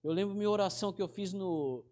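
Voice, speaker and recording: A man's voice: sits high, darkish tone. A man gives an informal, conversational sermon. He speaks directly to his listeners and calls them brother. He often breaks off and restarts his phrases. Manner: halting restarts. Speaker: preacher.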